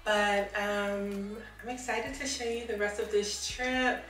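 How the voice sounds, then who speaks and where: Chatty bright-voiced woman vlogging. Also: medium pitch, steady tone, takes it slowly, reverberant, recorded from a distance. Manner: chatty and upbeat, gestures while talking. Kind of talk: casual travel vlog talk to camera. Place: bathroom of a small rental cabin, indoors.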